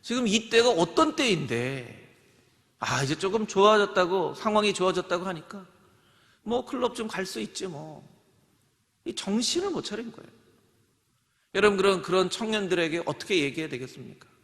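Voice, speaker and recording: A male pastor preaching a sermon, acting out shouted commands and dropping to soft asides. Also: high voice, expressive, moderate pace, long reverb tail. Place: church sanctuary.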